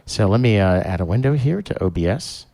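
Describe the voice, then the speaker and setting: A man with a low, gravelly voice hosts a casual live stream. He rambles as he works, full of fillers and restarts, and keeps the chat loose and unscripted. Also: animated, brisk, mellow. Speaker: show host.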